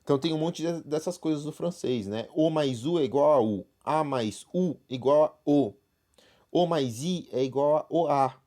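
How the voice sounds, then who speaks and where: A man's voice: medium pitch, warm tone. A man with a Brazilian accent teaching a beginner French class, walking students through a textbook and checking in with frequent "right?" tags. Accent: Brazilian Portuguese. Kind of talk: online class walkthrough.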